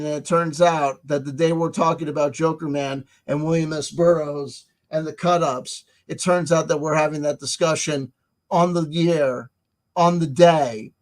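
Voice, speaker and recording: A man with a notably high voice hosts a livestream monologue. He rambles insistently, circles back over his phrases and leans hard on his points. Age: 30s to 40s. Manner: emphatic, insistent, repeats himself. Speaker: livestream host.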